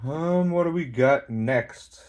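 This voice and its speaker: A man casually reviewing a model kit while posing it, relaxed, swearing now and then, and a bit out of breath. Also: mid-range voice, slow pace. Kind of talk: casual hands-on toy review.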